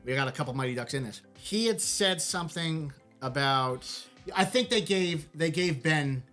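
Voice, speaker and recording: Higher-pitched man casually reviewing movies. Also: expressive, normal speed, sharp tone, soft background music. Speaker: discussion show co-host.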